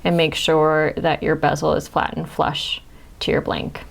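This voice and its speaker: Low, gravelly Midwestern woman teaching. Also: level tone, unhurried. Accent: Midwestern American. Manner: friendly, explanatory, drops to near-whisper while concentrating. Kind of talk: step-by-step craft demonstration.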